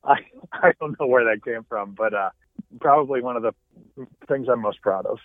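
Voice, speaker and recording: A man's voice: medium pitch, normal speed, no echo. A man joining a radio show over the phone as a guest, chatting casually and laughing as he tells a story. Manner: laughs while telling a story. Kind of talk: casual chat. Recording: tinny dry phone line.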